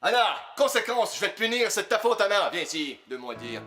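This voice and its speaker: A man's voice: sits high, very animated, fast, over music. A man playing a vain, boastful and incompetent millionaire in a comedy sketch, pompous, whiny and theatrical. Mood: demanding, exasperated. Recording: roomy echo, faint noise.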